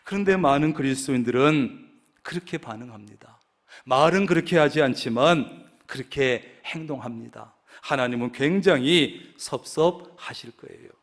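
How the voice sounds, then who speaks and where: A man's voice: medium pitch, normal speed. A male pastor preaching a sermon, telling stories and acting out the voices he quotes.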